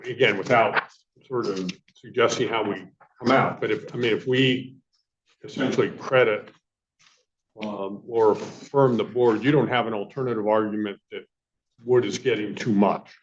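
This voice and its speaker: A man serving as an appellate judge, questioning attorneys in careful, measured phrases. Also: fairly low pitch, steady tone, dull audio, a little hiss or hum. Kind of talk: questioning counsel in court. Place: courtroom.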